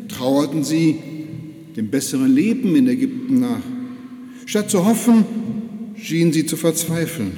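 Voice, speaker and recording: Older male pastor, unhurried expressive storyteller, mellow tone, big church reverb. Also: fairly high pitch. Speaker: retired pastor. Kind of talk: sermon retelling a Bible story. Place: large church. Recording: echoey church hall.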